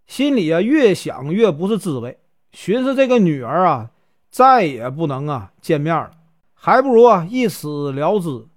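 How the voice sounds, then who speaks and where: A male storyteller with a Northeastern Mandarin accent, chatting through a folk tale. His voice sits high and moves lively up and down, stretching out words with little fillers as he goes. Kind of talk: spoken folk tale narration.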